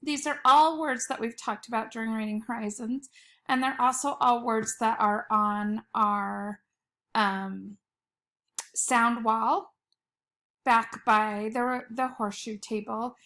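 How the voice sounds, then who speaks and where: Slow, patient woman teacher. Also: on the high side, fairly even intonation, a bit bright. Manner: slow, patient, sounding out letters. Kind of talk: recorded home spelling lesson. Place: home at night.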